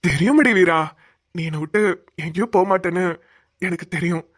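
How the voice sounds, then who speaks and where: A woman voicing a gentle injured village husband. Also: fairly low pitch, brisk, lightly acted. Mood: tender. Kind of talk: Tamil cartoon voice acting.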